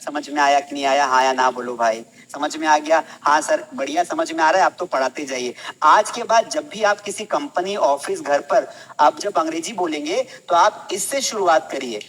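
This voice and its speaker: A man's voice: on the high side, moderate pace, a bit bright, in a large hall, rough recording. A man with an Indian accent teaching a live spoken English class in a chatty way. He keeps asking the class questions and then answers them himself.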